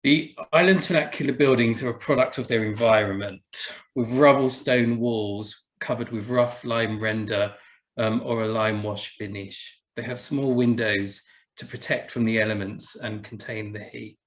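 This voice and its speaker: Essex-accented man giving a measured talk. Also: on the low side, steady tone. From England. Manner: measured, explanatory, with small restarts. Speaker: buildings officer giving a talk. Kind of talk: webinar presentation.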